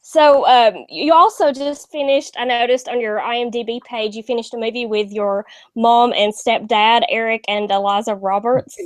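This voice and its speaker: A woman with a Southern US accent hosting a casual interview, bubbly and quick to laugh. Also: fairly high pitch, no echo. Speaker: host.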